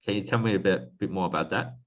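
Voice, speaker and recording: Very deep-voiced host from Hong Kong. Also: male voice, lo-fi sound. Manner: brief backchannels, halting questions. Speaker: podcast host. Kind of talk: casual conversational interview.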